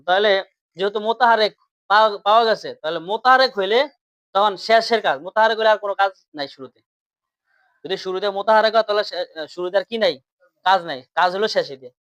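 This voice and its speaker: A man's voice: sits high, a bit bright, dry recording, dull audio. A man teaching grammar in class, repeating points and quizzing his students questions.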